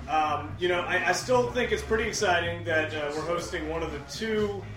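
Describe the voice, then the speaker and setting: A man's voice: fairly high pitch, moderate pace, crowd noise. A man co-hosting a podcast with casual banter, recorded in a living room. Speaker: podcast co-host. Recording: distant, echoey living room.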